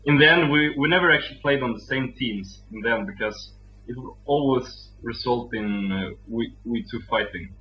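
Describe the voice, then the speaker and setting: Soft-spoken young Swedish man, muffled sound. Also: normal speed, soft background music. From Sweden. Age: young adult. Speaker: guest. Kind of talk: casual interview. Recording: muffled low-fidelity audio.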